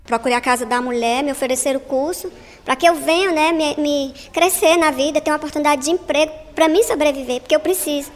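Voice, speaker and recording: A woman in her fifties speaking in a news interview, her voice disguised with a voice changer, talking haltingly with fillers. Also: high-pitched, long reverb tail. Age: 50s. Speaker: interviewee, vocational course student.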